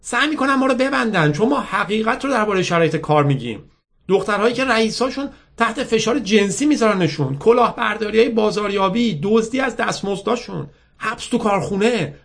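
Man putting on a high confident young woman. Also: animated, creaky, fairly bright tone, heavily acted. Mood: persuasive.

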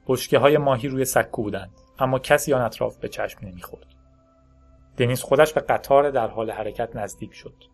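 Steady male audiobook narrator. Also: medium pitch. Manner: steady, measured storytelling. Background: faint background music.

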